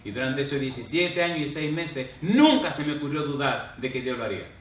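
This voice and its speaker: A man's voice: medium pitch, lively intonation, a little fast, echoey room, far from the mic, slight background noise, rough recording. A man preaching a sermon as pastor, questioning the congregation and answering himself. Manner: call-and-response questions, drops to a hushed voice in the story.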